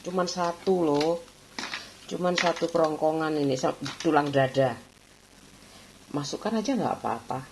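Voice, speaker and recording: Low-voiced chatty woman. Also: a little slow, pauses often, a little mellow, slight background noise. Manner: chatty, laughs often, mixes in Javanese words. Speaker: vlogger. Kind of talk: casual home vlog chat.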